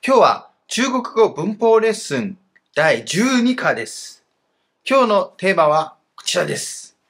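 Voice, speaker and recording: A husky-voiced man walks through a grammar lesson with a lively, rising and falling delivery. He explains each point patiently and fills the gaps with casual fillers. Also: high voice, unhurried. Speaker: teacher of Chinese.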